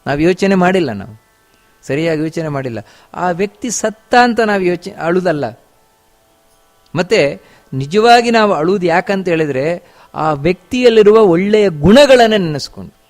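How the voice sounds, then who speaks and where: A man's voice: high-pitched, expressive, normal speed, pauses often. A man giving a discourse on scripture, chanting verses and explaining them with repeated phrases and rhetorical questions. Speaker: religious teacher.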